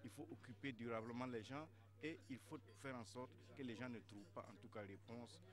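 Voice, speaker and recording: A man with a Burkinabe French accent giving a news interview soundbite, speaking deliberately and pausing to find his words. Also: mid-range voice.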